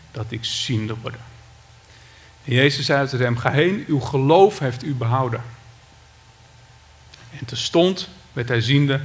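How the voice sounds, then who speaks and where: Dutch man preaching a sermon. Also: medium pitch. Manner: dramatic, shouts out the beggar's cry. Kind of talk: sermon with Bible reading.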